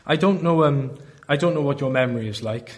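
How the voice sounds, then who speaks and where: A man with a Welsh Valleys accent preaching a sermon in an earnest, deliberate way, often posing rhetorical questions. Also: medium pitch. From South Wales valleys.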